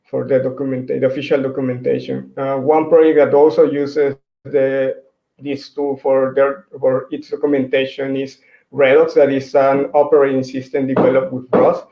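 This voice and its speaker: This conference speaker, a hesitant man from Mexico who speaks Spanish natively, delivers a virtual tech talk with slides. His medium-pitched voice moves at a moderate pace with little pitch movement, riddled with restarts and fillers. Recorded through a computer mic on a video call, the audio sounds roomy, dull and lo-fi.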